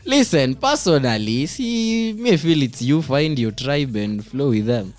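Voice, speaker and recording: A young man with a Kenyan accent and very animated, swinging intonation chats casually over music. He argues his points emphatically and drops Swahili slang into his English. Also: medium pitch, unhurried, no echo. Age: young adult. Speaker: guest, performance poet. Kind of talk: bantering casual chat.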